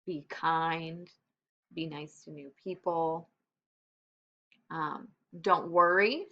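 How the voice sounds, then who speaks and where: A woman teacher giving a recorded lesson to young children, upbeat, slowing down to stress example phrases. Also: mid-range voice, sharp tone. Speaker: elementary school teacher. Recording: slightly dull computer-mic sound.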